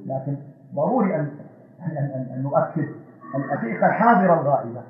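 A man preaching an impassioned sermon with rising, shouted repetitions. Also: fairly high pitch, expressive, quick pace, reverberant, phone-quality sound, slight background noise. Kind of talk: fiery Friday sermon.

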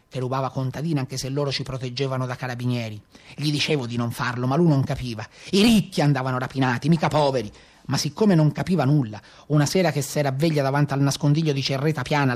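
The monologue is theatrical: an actor voices a coarse, bragging Maremma brigand, spinning an earthy, colloquial tale in a Tuscan accent. His male voice is mid-range and natural.

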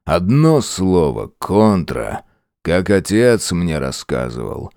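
Man as grim hoarse official, slow, low voice, dry recording. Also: very animated, a little mellow, no room sound, exaggerated voice. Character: bitter, threatening older official man.

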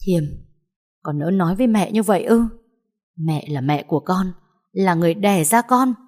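A woman voicing a distraught, hot-tempered middle-aged mother who wails and shouts back, in a storybook reading. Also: lowish voice, lively intonation, moderate pace. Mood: hurt. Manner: wailing and defiant.

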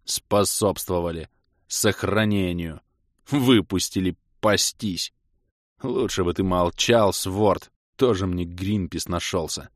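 Male narrator as a gruff prisoner, bass growl, reproachful, dry recording. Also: a little slow, few pauses, no echo. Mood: grumbling.

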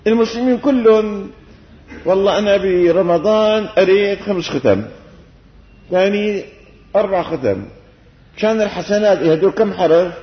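An older sheikh with a Damascene accent gives a homely sermon lesson, peppering it with rhetorical questions and a gentle, teasing humor. His voice sits high for a man. It comes through a long, echoing hall on a dull, lo-fi old tape. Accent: Syrian Arabic, Damascene. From Syria. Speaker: sheikh giving Quran commentary.

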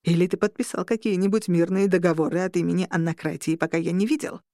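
A furious male vampire marshal snarls and shouts in a voice pitched low, as a woman reading a story puts him on. His words come slow and heavy, and the sound is dry and close. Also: steady tone, no echo, natural voice. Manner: growling, shouting.

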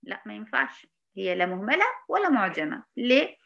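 A woman with an Egyptian accent teaching a recitation lesson, patiently demonstrating sounds slowly and checking in with her students. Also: medium pitch, sing-song, vocal fry, highs cut off. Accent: Egyptian Arabic. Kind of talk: online tajweed lesson.

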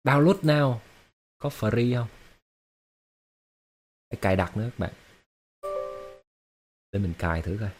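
Guy rambling on a livestream, lowish voice, lots of um and repeats. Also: animated, measured pace, pauses often, darkish tone, soft background music. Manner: chatty and explanatory, with many fillers and repeated words. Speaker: livestream host. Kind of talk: casual livestream chat with viewers.

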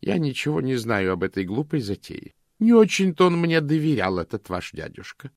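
A man's voice: mid-range voice, sing-song, moderate pace, darkish tone, dry recording, clean studio sound, voice pushed up. A man voicing a stern, gloomy older housekeeper who grumbles mournfully, in an audiobook reading. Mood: grumbling.

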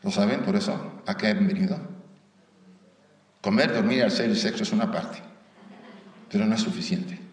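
A man's voice: on the low side, moderate pace, long pauses. Mexican man lecturing in an echoing hall. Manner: conversational, often asks the audience rhetorical questions; light humor mixed into the teaching. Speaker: lecturer at a theosophical society. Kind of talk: spiritual lecture to a live audience. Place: lecture room with an audience. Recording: roomy hall echo, voice from far off.

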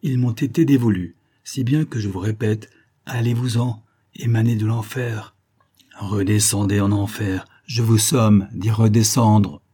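A man's voice: medium pitch, normal speed, dark tone, breathy edge, close to an everyday voice. A man voicing a stern elderly scientist who speaks in solemn, commanding pronouncements, read in an audiobook. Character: stern elderly male scientist wielding occult power.

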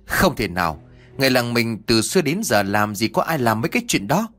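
A man's voice: mid-range voice, sing-song, brisk, a bit bright, soft background music. A man voicing an older village chief in an audio story, speaking humbly and earnestly. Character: older male village chief, kind, remorseful.

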